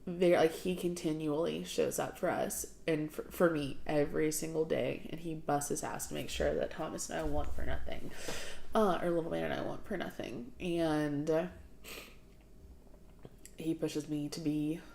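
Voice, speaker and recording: A woman's voice: low-pitched, fairly even intonation, normal speed, vocal fry, dark tone, slight background noise. Chatty Southern-living woman, sniffly livestream. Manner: chatty, laughs often, answers viewer questions. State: sniffling from draining sinuses. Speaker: livestream host. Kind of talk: casual livestream chat.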